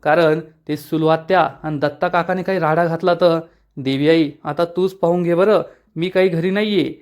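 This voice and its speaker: A man's voice: a little high, steady tone, moderate pace, natural voice. A man voicing an eager, cheerful young working man.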